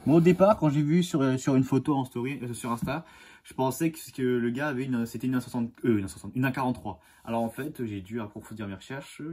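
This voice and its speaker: Man, husky collector-host, eager and halting delivery, mid pitch. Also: warm tone. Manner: enthusiastic and halting, with many fillers and restarts. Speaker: die-cast model car collector and channel host. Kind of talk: casual unboxing vlog.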